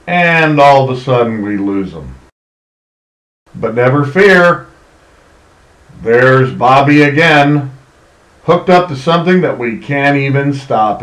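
Middle-aged charter captain guy doing a slow laid-back voice-over, sounds kinda echoey. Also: mid-range voice. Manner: slow, easygoing storytelling. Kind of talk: voice-over narration.

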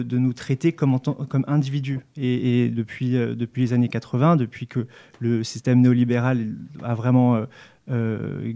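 A man's voice: medium pitch, mellow. A man in his thirties, guest on a casual discussion, speaking earnestly into a handheld mic with frequent restarts and fillers. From United States and France, raised in Montreal and New York. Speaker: activist guest. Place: small studio with brick wall.

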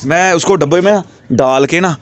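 A young man hosting a casual pet vlog at home, chatting excitedly and coaxing his animals. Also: fairly high pitch, moderate pace, crowd noise. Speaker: pet vlogger.

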